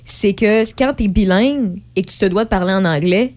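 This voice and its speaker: A woman's voice: medium pitch, brisk, darkish tone. Chatty Québécois woman radio host. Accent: Québécois French. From Quebec. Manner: chatty and rambling, many fillers. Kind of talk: casual radio chat.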